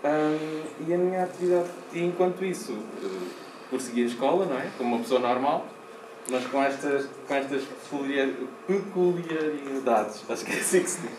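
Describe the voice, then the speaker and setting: A young man with a European Portuguese accent, telling his story in a casual, animated way in an interview. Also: a little high, normal speed. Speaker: interviewee, student. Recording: roomy, distant, noisy.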